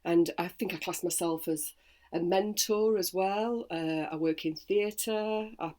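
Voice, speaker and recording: A woman in her forties from Sheffield with a Yorkshire accent, a voice and accent coach chatting freely in an interview. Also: fairly low pitch. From Sheffield, England. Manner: chatty and animated, quick bursts of storytelling. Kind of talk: relaxed interview chat.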